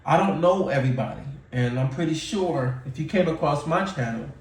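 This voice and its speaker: A man in his forties, a YouTuber, gives candid, casual talking-head advice to camera, repeating himself and using fillers. His voice is fairly high, animated, fairly quick and darkish. The mic sits at a distance, so the sound is roomy.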